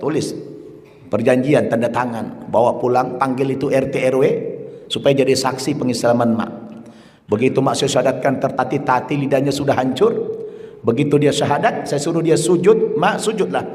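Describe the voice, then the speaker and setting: A man's voice: medium pitch, normal speed. A male preacher, telling a personal story in a sermon and acting out the voices of the people in it. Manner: animated storyteller acting out quoted voices, rising to shouted prayer. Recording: hall reverb.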